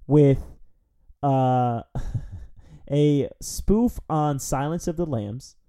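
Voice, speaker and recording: Dark-voiced man rambling through a film review. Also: mid-range voice. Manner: rambling, wry, with frequent fillers. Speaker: film review podcast host. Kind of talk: casual review chat.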